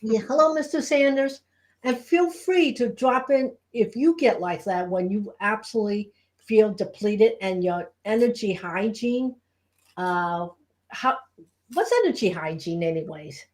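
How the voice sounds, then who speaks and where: Woman, medium pitch, live show co-host, casual conversational style. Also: measured pace, darkish tone. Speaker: co-host and Reiki teacher.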